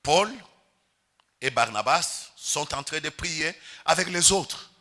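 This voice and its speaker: A man's voice: a little high, expressive, slow pace, bright, forceful tone. A Congolese pastor preaching a sermon in church, calling out to the congregation and stretching his key words for emphasis. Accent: Congolese French.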